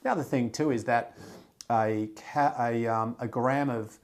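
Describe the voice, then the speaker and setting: With a measured pace and medium pitch, a man hosts a laid-back podcast conversation. He delivers his points bluntly and emphatically with plenty of swearing, animated energy, fillers, and restarts.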